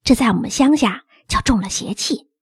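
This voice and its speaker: A woman voicing a chatty, superstitious older nanny in a storybook reading, with a breathy voice. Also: on the high side, expressive, normal speed, no room sound, clean studio sound, voice pushed down, exaggerated voice. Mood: fretful. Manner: fretful, gossipy, folksy. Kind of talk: audiobook character reading.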